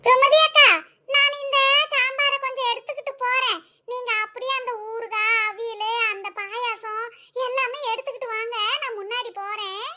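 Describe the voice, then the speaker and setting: A woman voicing several teasing, scolding village women in an animated comedy. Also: very high voice, normal speed, heavily acted. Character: nosy teasing village women at a wedding feast.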